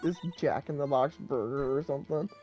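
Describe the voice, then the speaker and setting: A man's voice: mid-range voice, normal speed, a little mellow, faint music behind. A young man doing casual, crude, joking gameplay commentary as a let's play host.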